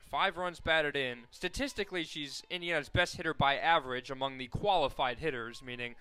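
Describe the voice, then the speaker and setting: A man with an American accent calls live softball play-by-play for radio in a bright, clear voice that sits a little high. Between plays he talks conversationally through the details, then lifts into excited calls when the action comes.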